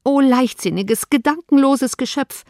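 A woman's voice: a little high, moderate pace, mellow, dry recording, studio quality, natural voice. A woman voicing a spirited, frank young woman who speaks with indignant emphasis in an audiobook reading.

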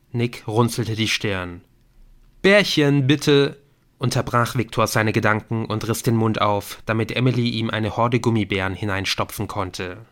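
A man narrating a German audiobook in a steady storytelling manner. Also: on the low side. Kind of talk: scripted narration.

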